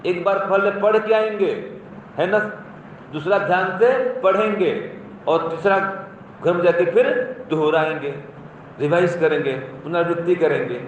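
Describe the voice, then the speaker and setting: A man's voice: high-pitched, unhurried, slight background noise. A man giving a moral talk to school students, teacherly and repetitive, quizzing and praising them as he goes. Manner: teacherly, questions and praises students, repeats points. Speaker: speaker addressing school students. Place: school hall or classroom. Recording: very echoey, distant, muffled room recording.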